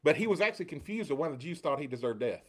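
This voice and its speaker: Male preacher, fairly high voice, expository sermon with dramatic quoted lines. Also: expressive, rapid-fire, slightly rough. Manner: rhetorical questions, acts out quotes with rising inflection.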